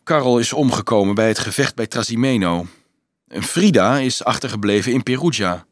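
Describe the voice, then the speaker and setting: A man's voice: medium pitch, expressive, a little fast, dry recording, studio quality, lightly acted. A man reading an audiobook, voicing an earnest teenage boy who leads a crusade and speaks curtly and seriously. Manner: curt, serious.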